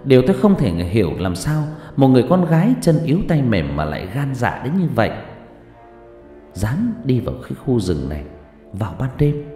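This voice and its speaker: A man telling a horror story in the first person, with a dramatic, animated delivery and a mellow, dark tone. His voice rings in a roomy space with a long reverb, and faint music plays underneath. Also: mid-range voice, brisk.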